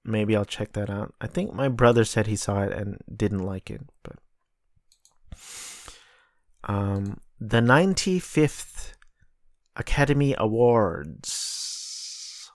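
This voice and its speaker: Slow, rambling male vlogger. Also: fairly low pitch, flat delivery, creaky, darkish tone, no echo, clean studio sound. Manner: rambling, self-correcting, reads aloud from notes. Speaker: vlogger reviewing films. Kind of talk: casual solo commentary.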